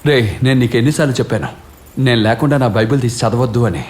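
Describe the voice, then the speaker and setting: An actor dubbing a sarcastic, impatient priest in a film comedy, firing off quick retorts. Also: male voice, medium pitch, expressive, lightly acted. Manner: fast wisecracking retorts. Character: sarcastic middle-aged male priest, impatient. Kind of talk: dubbed film comedy dialogue. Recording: film dub with background score.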